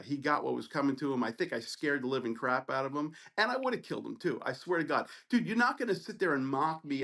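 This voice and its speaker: A middle-aged man, a physician hosting a podcast, telling a personal story in an animated, profane, emphatic way. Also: medium pitch.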